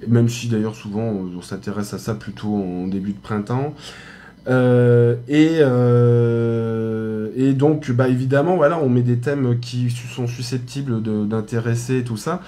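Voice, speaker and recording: A man's voice: medium pitch, fairly even intonation, a little slow, mellow. A man with a French accent in a hotel room, teaching aromatherapy in a casual live stream, chatty, full of fillers and restarts. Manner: chatty, many fillers and restarts, laughs at himself.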